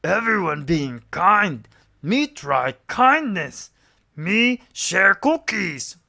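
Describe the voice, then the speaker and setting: A woman puts on a big cookie-loving storybook monster. He is earnest and simple, speaking in broken childlike phrases. Each word is stretched slowly and pushed out loud. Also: on the low side, big pitch swings, vocal fry, voice pushed up, exaggerated voice. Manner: broken childlike grammar, drawn-out words.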